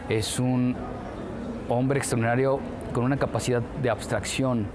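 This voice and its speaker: Halting man giving expert commentary. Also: mid-range voice, fairly even intonation, over music. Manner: halting, repeats words while searching. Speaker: interviewed expert. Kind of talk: unscripted interview commentary.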